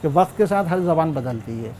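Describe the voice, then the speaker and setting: A man talks in a reflective documentary interview, unhurried and with small restarts. His voice is pitched high with a mellow tone, and faint noise sits behind him in the room. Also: animated. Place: indoor room.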